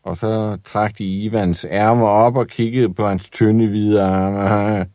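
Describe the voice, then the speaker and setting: A man reading a children's story aloud in an expressive, lively way. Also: lowish voice, no echo, muffled recording.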